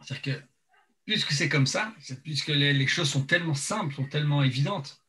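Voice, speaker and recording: A man teaching an informal religious lesson, speaking haltingly and searching for words, his mouth half numb from dental anaesthetic. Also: a little high, pushed and bright, a little hiss or hum. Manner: hesitant, repeats and searches for words.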